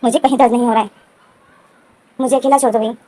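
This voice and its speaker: A woman's voice: on the high side, steady tone, fast talker, mellow, close to an everyday voice. A woman voicing a tearful, evasive young man. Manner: evasive, brushing off concern. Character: tearful young man hiding his crying.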